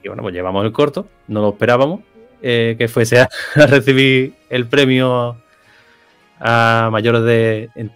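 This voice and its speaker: Man, about 40, Cádiz accent, relaxed rambling guest, faint music under. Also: medium pitch, a little slow, clear, resonant tone. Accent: Andalusian, Cádiz. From Cádiz, Spain. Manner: relaxed, rambling, self-correcting. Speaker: guest, animator. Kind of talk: casual interview answers. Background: faint background music.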